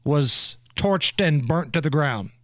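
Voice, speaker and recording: A man's voice: fairly high pitch, expressive, slow pace, a little hiss or hum. A man hosting a talk show, giving wry, mocking commentary in a conversational way.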